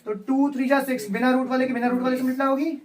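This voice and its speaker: A male maths teacher leads a live classroom lesson, talking through each step and repeatedly quizzing students, recorded far from the mic. His very high voice races along in a flat delivery, with a crowd audible in the background.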